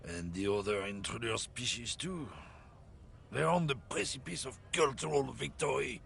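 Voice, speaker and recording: A man's voice: medium pitch, gravelly, fairly bright tone, slight background noise. An actor playing a scornful, bigoted middle-aged man who lectures on racial superiority with a heavy, vaguely continental accent. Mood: lecturing. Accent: heavy continental European-sounding accent. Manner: sneering, lecturing, drawn-out swoops.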